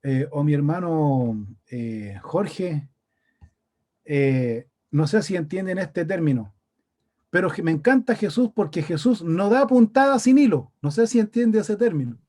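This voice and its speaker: A Chilean man preaches in a high, mellow voice. He keeps it conversational and often turns to his listeners with questions. The sermon is delivered in a church meeting room. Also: expressive, a little slow. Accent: Chilean Spanish. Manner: conversational, asks the congregation questions.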